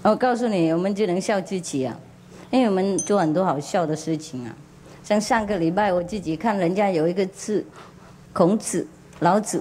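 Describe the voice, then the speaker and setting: A woman's voice: medium pitch, warm tone. A spiritual teacher, a woman, tells a parable to a gathering in a chatty, laughing manner with many fillers, often questioning her listeners. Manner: questions the audience directly. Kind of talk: storytelling sermon to a gathering. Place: group meditation gathering.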